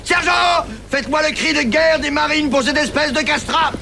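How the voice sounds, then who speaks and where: A harsh drill sergeant in a sci-fi series, barking orders in a high, strained, gravelly voice. He is sarcastic and commanding, over clear background rumble. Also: normal speed, pushed and bright, shouting, full character voice. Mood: mocking, barking. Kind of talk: French-language TV series dub acting.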